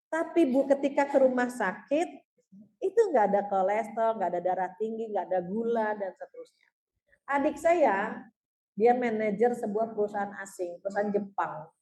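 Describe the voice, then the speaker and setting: An earnest woman religious teacher telling personal stories and turning often to her listeners, her voice fairly high yet mellow and warm. She sounds roomy and echoey, as if recorded in a hall. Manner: storytelling, keeps addressing listeners as "Bu"; earnest, heartfelt. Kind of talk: religious talk answering audience questions.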